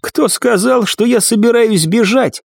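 A man voicing a cold, composed young woman senator-warrior in an audiobook, speaking calmly with curt, grim irony. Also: extremely high pitch, measured pace, creaky, breathy edge, no echo, clean studio sound, pitched above the performer's own voice, heavily acted. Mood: cool. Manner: calm, curt, grimly ironic. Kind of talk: audiobook character voice.

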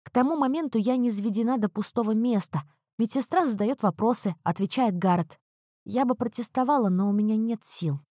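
A woman's voice: a little high, fairly quick, dry recording. Woman narrating an audiobook, dry studio sound. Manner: emotional, expressive first-person reading.

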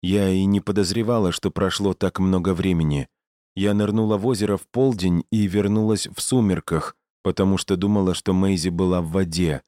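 A man voicing a troubled young woman in a storybook reading, speaking softly and quietly. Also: deep voice, fairly even intonation, moderate pace, no room sound, studio quality, natural voice. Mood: hushed, regretful. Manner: soft, hushed delivery.

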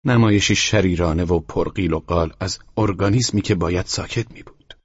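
Audiobook narrator: man, very deep and breathy, quiet measured delivery, dry lo-fi sound. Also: dry recording. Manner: quiet, measured, at times near a whisper. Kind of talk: scripted narration. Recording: dry, dull lo-fi studio recording.

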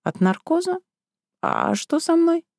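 A woman's voice: lowish voice, animated, moderate pace, warm tone, dry recording, clean studio sound. A woman reading a storybook and voicing a confused, indignant young woman. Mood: weak, dazed. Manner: bewildered, protesting.

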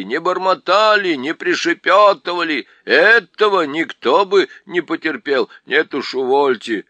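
Man playing a deaf old dwarf, loud, cranky, storybook, lively pitch, dry sound. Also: dry recording, exaggerated voice. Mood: grumbling. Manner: loud, cranky, mishears words. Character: deaf, grumpy old male dwarf lord.

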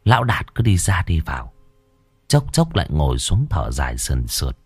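A man narrating a village horror story in a dramatic, expressive storytelling manner. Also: a bass voice, moderate pace, breathy edge, dry recording.

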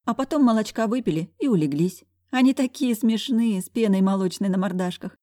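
A doting, sly middle-aged housekeeper coos over the children, as a woman reading the book puts her on. Her voice sits higher and sweeter than the narration, recorded close and dry. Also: fairly quick, mellow, no echo, natural voice. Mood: doting, cooing. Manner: affectionate, cooing, sly. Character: teasing motherly female housekeeper, middle-aged.

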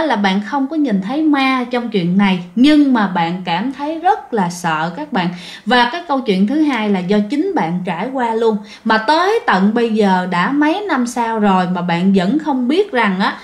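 A woman narrates a ghost story in a casual, chatty manner. Her voice sits high, and she keeps turning to address her listeners directly.

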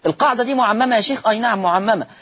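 Husky man teaching Quran recitation. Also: sits high, rapid-fire, fairly bright tone. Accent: Egyptian Arabic. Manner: explains rules step by step, repeating and stretching example words; asks and answers his own questions. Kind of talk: televised Quran recitation lesson.

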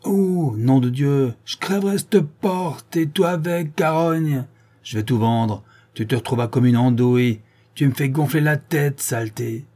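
A man's voice: medium pitch, normal speed, warm tone, breathy edge, pitched above the performer's own voice, close to an everyday voice. A man voicing a bad-tempered old farmer and father who roars and mocks in coarse words. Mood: gruff. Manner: roaring, coarse, mocking.

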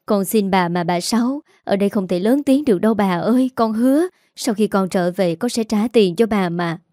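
A woman voicing a gentle young daughter-in-law who speaks softly and politely. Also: medium pitch, normal speed, dry recording, studio quality, close to an everyday voice.

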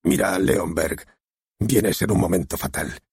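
A man voicing a loud, rude, eccentric theater director who barks and insults, with a nasal voice. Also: deep voice, measured pace, gravelly, slightly rough, no room sound, studio quality, exaggerated voice. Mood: brusque.

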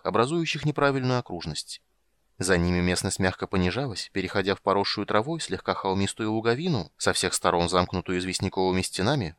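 Male audiobook narrator, very low voice, dry close-miked sound. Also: no room sound. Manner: even, measured reading.

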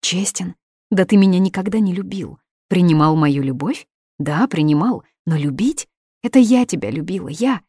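A woman's voice: fairly low pitch, animated, moderate pace, a little mellow, slightly rough, no room sound, studio quality. Woman doing a bitter, scornful jilted woman. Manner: accusing, scornful.

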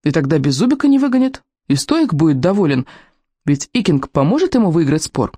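A reader narrating a children's book in an expressive storytelling manner. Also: mid-range voice, fairly quick, no room sound. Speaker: audiobook reader. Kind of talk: scripted narration.

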